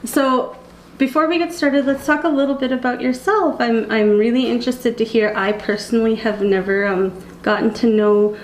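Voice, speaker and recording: A woman hosts a casual talk show, pausing hesitantly as she goes. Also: a little high, reverberant, a little hiss or hum, rough recording. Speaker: show host. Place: indoor kitchen set.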